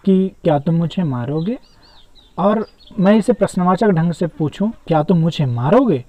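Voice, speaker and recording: A man with a voice on the high side teaches an exam-prep lesson, solving an exam paper by reading each question aloud and then explaining it to viewers he calls friends. The recording is dull, dry, and lo-fi, with no room sound.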